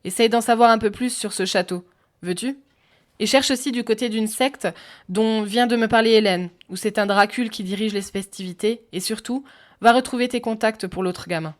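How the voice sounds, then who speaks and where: A woman voicing a gruff middle-aged male detective who speaks firmly and curtly. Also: on the high side, normal speed, voice pushed up, close to an everyday voice. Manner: firm and curt.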